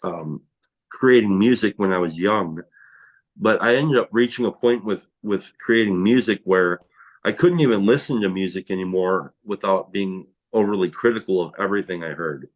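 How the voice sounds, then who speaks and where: A man's voice: sits low, normal speed. A man talking casually and reflectively about creative work, rambling with frequent restarts and fillers. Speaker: tile worker who makes videos. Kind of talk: casual conversation.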